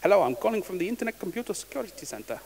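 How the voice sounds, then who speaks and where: A man's voice: sits high, sing-song, very fast, vocal fry, darkish tone, pitched above the performer's own voice, exaggerated voice. A man voicing a pushy male phone scam caller in a mock Indian accent, in overly formal sales patter. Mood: fake official. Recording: reverberant hall with faint hiss.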